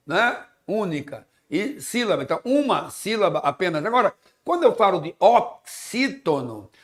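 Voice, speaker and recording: Methodical teacher, slightly high. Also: male voice. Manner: methodical, explains step by step. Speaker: teacher co-presenting a televised lesson. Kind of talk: explanatory classroom teaching.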